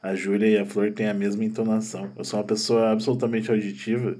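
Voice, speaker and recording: A man's voice: fairly low pitch, flat delivery, quick pace, mellow. A man in casual podcast chat, speaking playfully and laughing often.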